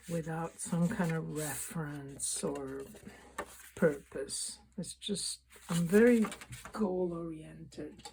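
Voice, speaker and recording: A woman giving a casual, unscripted painting tutorial, thinking aloud in a halting way and often rephrasing mid-sentence. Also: sits low, mellow, slight background noise, low-quality recording. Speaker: painting instructor and vlogger.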